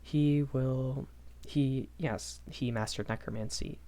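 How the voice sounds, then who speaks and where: A young man plays a shy, kindly professor at a magic academy in a rambling audio roleplay, reminiscing hesitantly, stammering, chuckling nervously and apologizing. His medium-pitched voice is mellow and steady in tone, moving at a slow pace.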